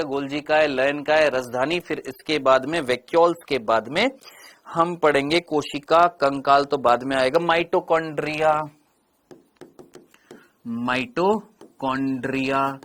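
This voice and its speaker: A middle-aged male teacher giving a biology lecture, asking questions and answering them himself, and drawing out key words slowly. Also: a little high, fairly bright tone. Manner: stretches out key terms slowly.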